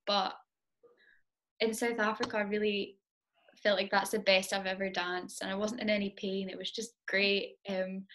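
Chatty young woman with flat intonation. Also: mid-range voice. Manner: chatty, many ums, self-deprecating laughs. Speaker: interview guest, competitive Highland dancer. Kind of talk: casual interview answers.

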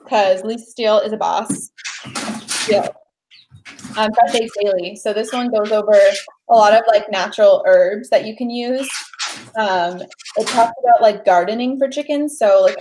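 A woman's voice: medium pitch, background noise. A woman in her twenties chatting casually on a home livestream over a webcam, bubbly and full of fillers. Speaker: livestream host. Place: living room at home, indoors. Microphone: webcam at desk distance.

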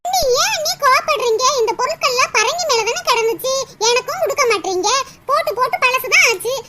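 A woman's voice: very high voice, expressive, fairly quick. A woman voicing a generous young girl in a cartoon, giggly and pleading. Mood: chirpy. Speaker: cartoon voice actor. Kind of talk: Tamil cartoon dubbing. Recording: loud background hiss.

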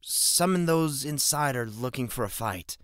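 A timid, trembling stable hand, as a male narrator puts him on for an audiobook. He talks hesitantly and pitched well above the narration. Close, dry recording. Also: expressive, unhurried, a bit bright, no room sound. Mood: nervous.

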